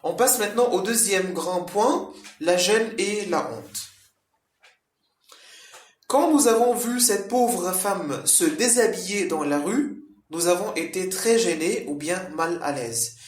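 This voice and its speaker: A man explaining French vocabulary to learners, slow and repetitive, with many fillers and checks of understanding. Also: high voice, echoey room. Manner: slow, repetitive explaining with frequent "hein" and "euh". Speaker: French teacher.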